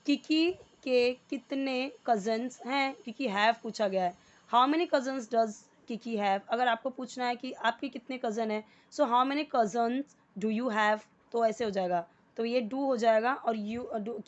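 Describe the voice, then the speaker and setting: A woman with a fairly high voice teaches an English lesson, repeating words and slowly reading out and translating examples. She switches easily between Hindi and English. The recording sounds dull and muffled.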